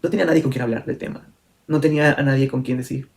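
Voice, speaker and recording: A young man recounts a personal story to his viewers. He rushes through it at a quick clip, candid and a little rambling, correcting himself as he goes. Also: mid-range voice, steady tone, vocal fry. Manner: fast, candid, full of fillers and self-corrections. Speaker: vlogger.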